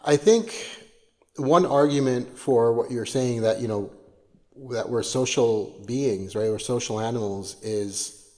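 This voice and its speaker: A man's voice: medium pitch, mellow, in a large hall. A man co-hosting a podcast in casual conversation, often stopping and restarting as he searches for words. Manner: halting, gropes for words with many restarts. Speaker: podcast co-host.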